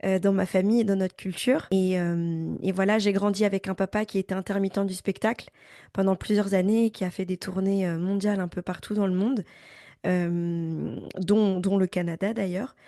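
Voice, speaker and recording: Young Parisian woman, dark mellow voice. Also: mid-range voice, fairly even intonation, normal speed, dry recording, clean studio sound. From Paris, France. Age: young adult. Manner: thoughtful, many hesitations and repeats. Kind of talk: casual interview talk.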